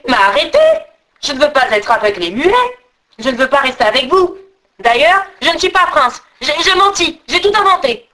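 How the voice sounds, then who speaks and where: A woman's voice: high voice, sing-song, moderate pace, bright, forceful tone, pitched above the performer's own voice, exaggerated voice. Pierre, a woman voicing a young peasant. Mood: panicked. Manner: panicked pleading, then earnest.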